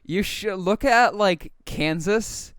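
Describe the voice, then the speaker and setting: A man's voice: high-pitched, slow, fairly bright tone, clean tone, no room sound, studio quality. A young man co-hosting a casual podcast, rambling with lots of fillers and crude jokes. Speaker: podcast co-host. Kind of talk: casual chat.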